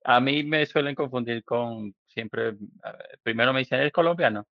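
A Venezuelan man with a Venezuelan accent, hosting a podcast in a relaxed, casual way and laughing often. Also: medium pitch, measured pace, vocal fry, no room sound. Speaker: podcast host. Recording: dull lo-fi recording.

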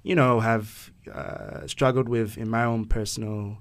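A man's voice: mid-range voice, steady tone, unhurried. A young man from Ghana hosting a casual podcast discussion, thoughtful and hesitant, with many fillers and restarts. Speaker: podcast host.

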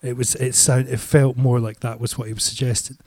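A man's voice: mid-range voice, level tone, brisk, darkish tone, slightly rough, no echo. A man chatting casually as a podcast co-host, hesitant and often circling back to rephrase his thought. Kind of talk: casual chat.

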